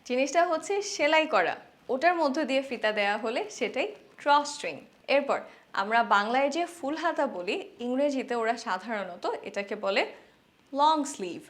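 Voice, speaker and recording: A woman from Bangladesh teaching English vocabulary, explaining in Bengali and repeating each English phrase slowly and carefully. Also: sits high, animated. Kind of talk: vocabulary lesson.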